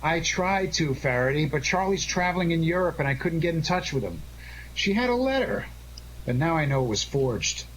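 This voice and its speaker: Here the wisecracking amateur sleuth of a 1940s-style radio mystery smooths things over with the others, glib and quick-thinking. The man's slightly high voice is sing-song at normal speed, on a low-quality recording with a little hiss or hum.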